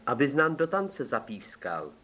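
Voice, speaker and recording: A man voicing a beautiful young female forest fairy, gentle and a little sad, with a soft silvery voice. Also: mid-range voice, big pitch swings, slight background noise, pitched above the performer's own voice. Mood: gentle coaxing.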